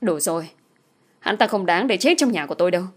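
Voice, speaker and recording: A woman voicing a frightened but defiant young pregnant woman in an audio story, shouting and tearful. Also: lowish voice, animated, fast. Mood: pleading.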